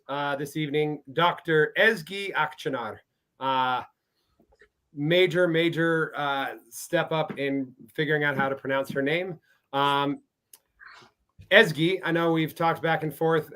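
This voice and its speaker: A man's voice: a little high, sharp tone. A man hosting a podcast, introducing a guest in a loose style with many fillers. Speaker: podcast host.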